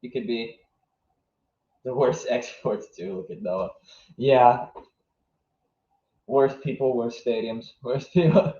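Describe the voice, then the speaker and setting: This one is slow and dark-toned, a mid-range voice that pauses often. The speaker, a young livestream host from southwest Virginia, reacts to a match in real time, casually rambling and answering chat aloud. The room sound is flat and echoey.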